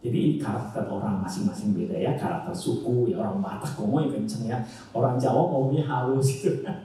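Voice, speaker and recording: Man, church family talk, animated, tag questions, mellow tone, roomy distant sound. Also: medium pitch, fast. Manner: addresses audience with frequent tag questions; animated, swings between loud and soft. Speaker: church speaker. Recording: echoey church hall from far off.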